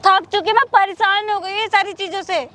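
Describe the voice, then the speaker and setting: A woman playing a high, bright, desperate young wife. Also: steady tone, normal speed. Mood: pleading. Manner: pleading, protesting. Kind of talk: short-film drama acting.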